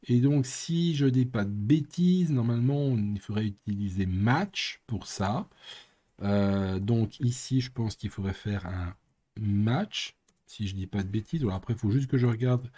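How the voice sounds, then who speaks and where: A man's voice: fairly low pitch, a little slow, dark tone. A man streaming live coding, thinking aloud and muttering with playful sound effects. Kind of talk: casual live coding commentary.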